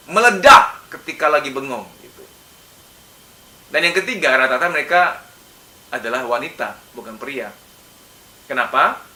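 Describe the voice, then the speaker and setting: High, bright-voiced male psychology lecturer. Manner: animated, acts out examples with sudden loud outbursts. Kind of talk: lecture in casual conversational register. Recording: echoey room, mic at a distance.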